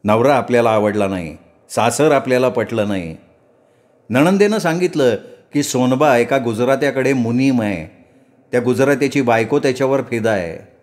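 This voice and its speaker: Brief: middle-aged male narrator, measured and expressive, mid-pitched storytelling. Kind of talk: Marathi story reading.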